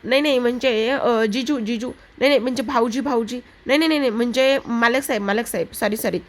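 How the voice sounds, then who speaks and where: A woman's voice: a little high, fast, natural voice. A woman voicing a bold, cheeky young village girl who teases and talks nonstop. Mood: chatty. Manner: chatty, teasing, rambling nonstop.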